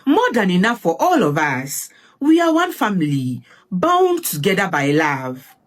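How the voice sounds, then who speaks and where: A woman voicing a soft-spoken young woman, a devoted co-wife, who talks softly and sweetly. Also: on the low side, wildly swooping pitch, a little slow, exaggerated voice. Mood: soft serene.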